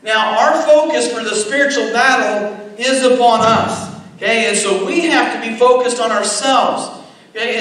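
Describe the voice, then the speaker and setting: High-voiced preacher in an echoey hall. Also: male voice, a bit bright. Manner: deliberate preaching with repeated "okay" checks and emphatic repetition. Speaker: pastor. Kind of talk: sermon. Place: church sanctuary. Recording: echoey church hall from a distance. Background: long hall reverb.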